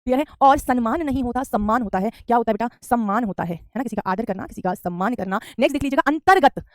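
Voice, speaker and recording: A woman with a fairly high voice teaches a spelling class at a rapid pace. She repeats each correct word and speaks straight at her students. The recording is close and dry. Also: lively intonation, no room sound. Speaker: Hindi teacher. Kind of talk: online spelling lesson.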